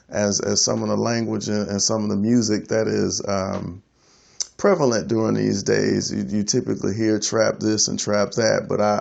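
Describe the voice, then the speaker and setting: Gravelly low-voiced man, halting reflective talk. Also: darkish tone, highs cut off. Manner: halting, repeats words, laughs at himself. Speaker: freelance IT consultant. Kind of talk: reflective personal monologue.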